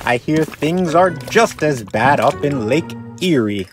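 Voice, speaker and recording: A man's voice: fairly high pitch, animated, pitched above the performer's own voice. A man voicing a stern, scolding old forest creature from a storybook, drawn out and mournful, in rhyme. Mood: mournful, grumbling. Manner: indignant, mournful, drawn-out delivery. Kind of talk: dramatic rhyming storybook read-aloud. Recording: music and dripping water effects behind.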